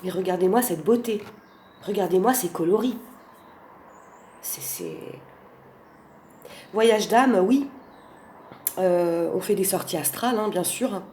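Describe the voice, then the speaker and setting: A woman's voice: fairly low pitch, lively intonation, a little slow, long pauses, dark tone. A woman with a Portuguese accent gushes in a casual vlog, stumbling through fillers and repeated words. Her voice rings in a roomy space with a faint noise floor behind it. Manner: effusive, many fillers and restarts. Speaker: oracle card reviewer. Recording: roomy home recording with faint background noise.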